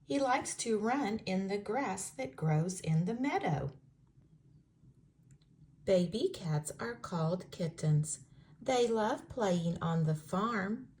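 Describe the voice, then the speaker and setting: At a slow pace and medium pitch, a woman narrates a children's storybook, articulating each word clearly and expressively for a young audience.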